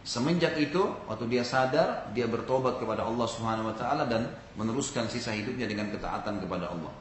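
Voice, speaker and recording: A man's voice: medium pitch, fast, reverberant, slight background noise, poor audio. A man from Indonesia giving an Islamic sermon, telling a story and speaking directly to his audience. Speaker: preacher.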